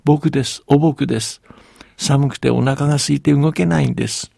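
Brief: man doing a shy, starving young boy of the far north, hushed and small, gravelly undertone. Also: medium pitch, fairly even intonation, normal speed, no echo, studio quality. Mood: timid, hushed. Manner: soft, hushed and timid.

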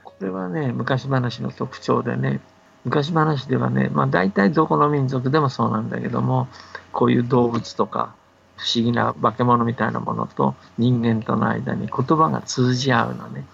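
An older man, a folktale scholar, gives relaxed, patient radio explanations and keeps confirming the listener agrees. His voice is gravelly and fairly bright, medium in pitch, with fairly even intonation at a normal speed. The audio is dull and band-limited, with faint background noise.

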